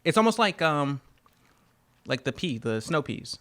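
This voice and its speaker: A man's voice: on the high side, measured pace. A man hosting a casual podcast chat, talking loosely with lots of fillers while cutting and tasting fruit. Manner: relaxed, rambling, many fillers. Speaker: podcast host.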